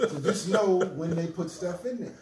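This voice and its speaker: Brief: fairly high-voiced man explaining things, crowd around, echoey room, mic far off. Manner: explanatory, laughing often. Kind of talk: casual group discussion.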